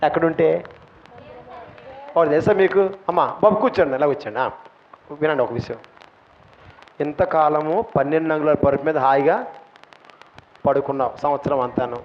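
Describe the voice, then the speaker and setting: Male pastor preaching, high voice, impassioned swings from shouts to hushed asides, dull lo-fi church recording. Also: moderate pace, pauses often. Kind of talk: sermon. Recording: dull lo-fi recording, faint room noise.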